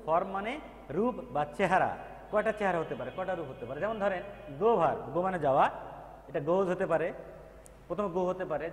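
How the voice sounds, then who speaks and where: A man teaching a recorded grammar lesson, patiently repeating terms and drilling their pronunciation. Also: sits high. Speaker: English teacher. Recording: echoey reverberant room.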